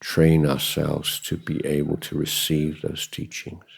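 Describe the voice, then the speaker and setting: A Buddhist teacher guides a meditation talk, contemplative and measured, often pausing between short phrases. His voice is extremely low and monotone, with vocal fry and a slightly rough edge.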